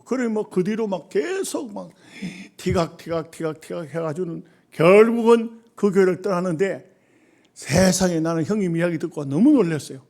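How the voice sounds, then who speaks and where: A middle-aged man, preaching a sermon and telling stories, moving between hushed remarks and loud exhortation. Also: sits high. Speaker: pastor.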